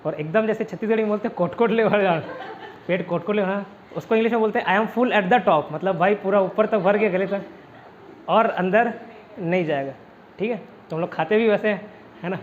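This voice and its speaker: Man, high voice, online lecture, checks in with students, dull lo-fi audio. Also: fast talker. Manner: chatty, keeps checking in with students. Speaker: teacher. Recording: dull lo-fi audio with faint noise.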